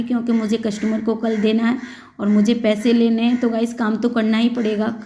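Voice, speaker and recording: A woman's voice: a little high, dark tone. A woman, likely in her thirties, talking earnestly and plainly to her viewers in a casual home vlog. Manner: earnest, plain-spoken, addresses viewers as "guys". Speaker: vlogger.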